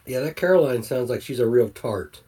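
Husky guy chatting, chuckly, sounds kinda far off the mic. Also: medium pitch, lively intonation, fairly quick, dark tone. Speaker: player. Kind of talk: casual chat at a tabletop game.

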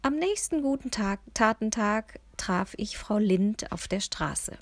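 A woman narrating a children's storybook in the first person, with a lively, expressive reading. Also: medium pitch, a little slow, no room sound. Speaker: audiobook reader.

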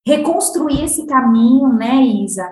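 A woman's voice: high voice, animated, unhurried, a little mellow. A woman with a Brazilian Portuguese accent who hosts the conversation and speaks in a thoughtful, reflective way. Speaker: host. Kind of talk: conversational interview talk.

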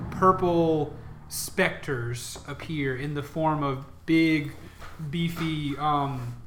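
A man's voice: fairly high pitch, background noise. A man improvising narration as the game master of a tabletop role-playing game. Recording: roomy, echoing room sound.

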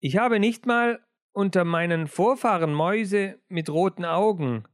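A man's voice: high-pitched, a little slow, no room sound, clean studio sound. A man voicing a timid female mouse in a storybook reading, earnest and pleading.

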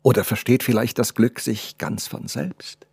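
Male reader as ardent young artist, a bit louder and higher than his narration, husky. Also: unhurried, dry recording, studio quality. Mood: tender. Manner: fervent, declaiming. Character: passionate young male sculptor, devoted lover.

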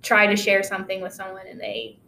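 A woman's voice: medium pitch, animated, fairly quick, pushed and bright, roomy sound, a little hiss or hum. A young woman co-hosting a podcast, confiding earnestly in casual chat and filling her talk with "like". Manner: earnest, confiding, many likes. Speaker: podcast co-host.

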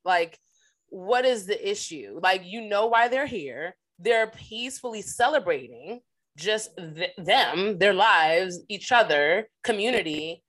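Indignant woman with a lowish voice. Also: fairly bright tone. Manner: indignant, rapid rhetorical questions. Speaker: co-host. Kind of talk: casual conversation.

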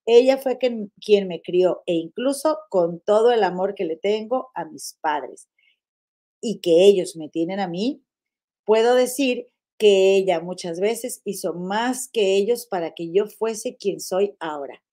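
A woman's voice: medium pitch, unhurried. Chatty woman hosting a live stream. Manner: chatty, affectionate, uses many diminutives and "comadre"; frequent fillers and restarts, animated swings in loudness. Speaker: live-stream podcast host. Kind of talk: casual live chat reading viewer comments.

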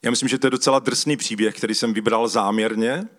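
A man's voice: medium pitch, fairly even intonation, fairly bright tone. A man preaching a casual, conversational sermon, stopping to ask for slides and reading a scripture passage aloud. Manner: conversational, calls for slides mid-talk; uses loose spoken fillers and restarts.

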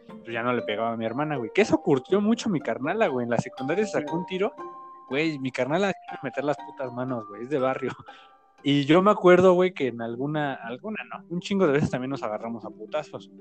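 A man in his twenties from Mexico with a Mexican accent, chatting casually with crude slang and animated storytelling. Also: medium pitch. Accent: Mexican Spanish. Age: 20s. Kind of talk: casual chat.

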